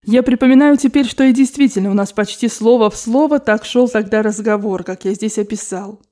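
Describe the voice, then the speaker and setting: Lady reading an audiobook, warm dark voice, dramatic and expressive. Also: on the high side, fairly quick. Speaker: audiobook reader. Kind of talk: literary audiobook narration.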